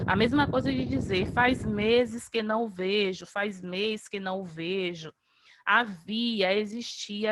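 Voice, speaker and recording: A woman's voice: fairly high pitch, background noise. A woman from Brazil, teaching an online grammar review lesson, patiently explaining and drawing out example words. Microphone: video call.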